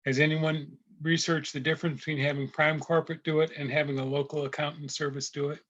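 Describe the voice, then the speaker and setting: A man's voice: a little high, flat delivery, quick pace, a bit bright. A man asking a casual question as a participant on a group call. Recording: dull, band-limited online call.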